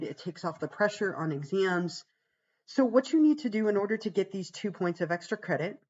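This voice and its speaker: A psychology teacher, hoarse from being ill, leads students through a course page on a casual livestream with a darkish, gravelly voice deeper than her usual. She keeps things chatty and reassuring, leaning on fillers like "um" and "right?", and the recording is lo-fi.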